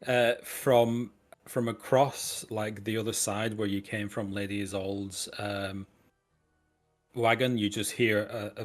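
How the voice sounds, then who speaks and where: A man narrating a tabletop game as game master, rambling and hesitant. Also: on the low side.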